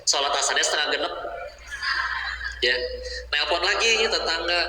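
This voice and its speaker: Bright-voiced man preaching in an echoey mosque. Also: on the high side, normal speed. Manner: lively, acts out quoted voices, uses Sundanese words. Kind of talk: humorous sermon. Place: mosque hall. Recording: echoey mosque hall, faint noise.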